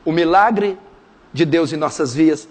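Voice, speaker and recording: A man preaching a sermon as pastor, dropping to hushed tones and rising to shouted fervor. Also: unhurried. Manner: swings from hushed intimate lows to shouted fervent climaxes. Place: church sanctuary. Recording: long hall reverb.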